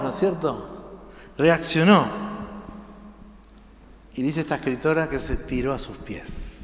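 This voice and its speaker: A man preaching a sermon in Rioplatense Spanish, swinging between loud emphasis and hushed lines. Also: mid-range voice, reverberant, big-room sound, slight background noise. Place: church.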